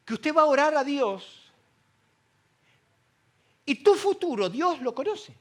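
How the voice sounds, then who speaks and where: A middle-aged man with an Argentine accent preaching a sermon, joking between loud preaching and quiet asides. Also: very high voice, sing-song, takes it slowly. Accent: Argentine Spanish. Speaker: pastor.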